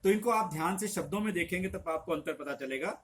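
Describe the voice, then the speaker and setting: A middle-aged man teaching a lesson, patiently explaining and slowly drawing out example sounds for emphasis. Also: sits high, a little hiss or hum. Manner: patient, instructive. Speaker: Hindi teacher.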